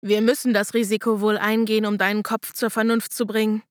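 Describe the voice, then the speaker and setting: A woman's voice: medium pitch, little pitch movement, fairly quick, no room sound, studio quality, lightly acted. A woman voicing a playful, persuasive young man who talks in a teasing, coaxing way.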